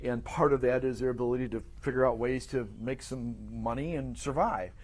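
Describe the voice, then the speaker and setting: A man's voice: medium pitch, brisk. A man teaching a Bible study class, talking off the cuff with many restarts and fillers.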